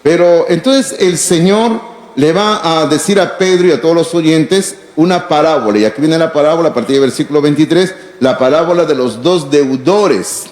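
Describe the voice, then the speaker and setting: A man preaching a sermon as pastor, emphatic, slowing down to stress key words and asking rhetorical questions. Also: on the high side, darkish tone. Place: church hall. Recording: echoey hall.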